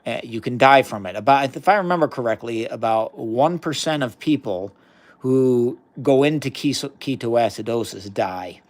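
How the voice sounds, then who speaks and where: A man's voice: medium pitch, expressive, moderate pace. A man hosting a live chemistry demonstration, explaining experiments casually and enthusiastically while reading viewer chat aloud. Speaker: science livestream host.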